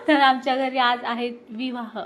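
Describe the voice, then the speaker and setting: A woman in her thirties chatting excitedly to viewers while filming a family ceremony at home on her phone. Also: high-pitched, slow. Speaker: vlogger. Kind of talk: casual vlog narration. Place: at home during a family ceremony, indoors and outdoors. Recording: faint background noise.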